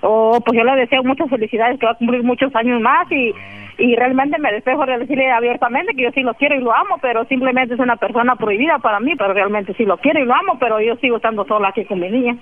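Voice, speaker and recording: A woman's voice: fairly high pitch, quick pace, phone-quality sound. A woman calling in to a radio show with a heartfelt, tender birthday dedication. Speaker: radio caller. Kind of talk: on-air call dedication.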